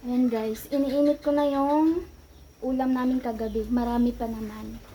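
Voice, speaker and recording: A woman's voice: a little high, fairly even intonation, moderate pace, dark tone. A young woman vlogging about her day at home as a mom, chatting to viewers and cooing to her child in sing-song baby talk. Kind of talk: casual home vlog. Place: indoors at home. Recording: noisy home recording.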